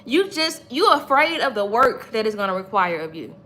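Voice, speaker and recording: This livestream host, a woman in her 30s, speaks at normal speed in a fairly high, sing-song voice with a sharp edge. Her faith-driven pep talk is emphatic and preachy, circling back over the same points while she talks with her viewers.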